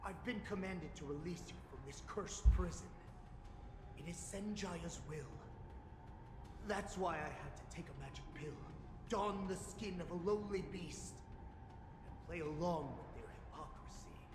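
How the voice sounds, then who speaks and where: An actor playing a deferential, scheming counselor of a beast pack in a game, speaking in formal, measured, grand phrases. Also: male voice, sits high, background noise. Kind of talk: dramatic game cutscene acting. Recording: echoey reverb under game music.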